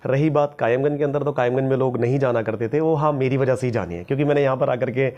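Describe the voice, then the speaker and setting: A man talks quickly and freely as the guest of an interview, recounting his work as an English teacher. He sounds humble and keeps circling back over his own phrases. His voice sits at an ordinary middle pitch. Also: darkish tone, dull audio. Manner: fast-talking, humble, repeats phrases. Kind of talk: casual interview.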